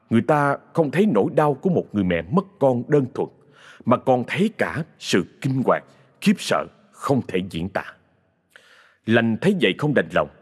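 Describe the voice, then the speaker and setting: A man with a Southern Vietnamese accent narrating a ghost story in a dramatic, expressive way. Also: medium pitch, breathy edge.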